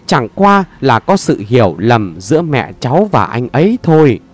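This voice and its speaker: A man's voice: medium pitch, sing-song, moderate pace. A man voicing a heartbroken young woman who pleads through tears in an audio story. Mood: pleading. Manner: tearful pleading.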